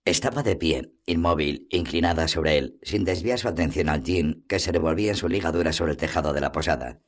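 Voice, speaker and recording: A man reading a fantasy novel aloud as an audiobook, in steady, measured narration. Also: a bass voice. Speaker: audiobook reader. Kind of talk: scripted narration.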